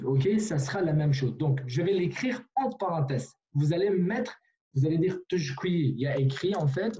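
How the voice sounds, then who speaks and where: A man's voice: a little high, mellow, muffled recording, a little hiss or hum. A man teaching a language online in a patient way, repeating himself with many fillers and restarts, over a video call.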